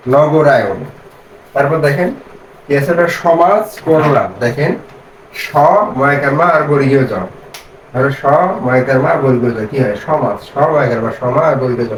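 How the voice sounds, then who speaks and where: A man teaching reading. He spells out syllables slowly, then asks the class questions and answers them himself. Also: fairly high pitch, slight background noise. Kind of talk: step-by-step reading lesson. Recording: echoey room, mic set far off.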